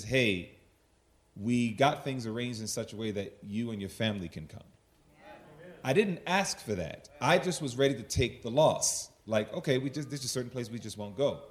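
New guy telling ministry stories, voice jumps all over, acts out his old lines. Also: medium pitch. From New York, USA. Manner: animated storyteller, acts out his own past words. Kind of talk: testimony in a ministry talk.

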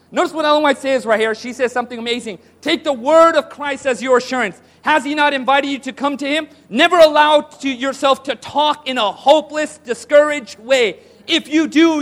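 A man's voice: very high voice, a bit bright. A man preaching a sermon to a congregation, asking rhetorical questions and calling for responses. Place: church hall with audience.

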